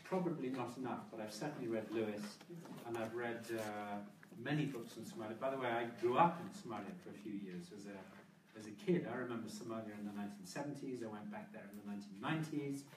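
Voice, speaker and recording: A man talking briskly on a discussion panel, peppering his points with casual asides. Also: fairly low pitch. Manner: brisk, informal, many "you know" asides. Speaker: panel speaker. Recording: roomy hall, distant mic, noise.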